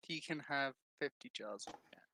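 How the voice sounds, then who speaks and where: A male player at a tabletop game, playful and a little wheedling. His voice is bright and forward, pitched in the middle of the male range. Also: normal speed.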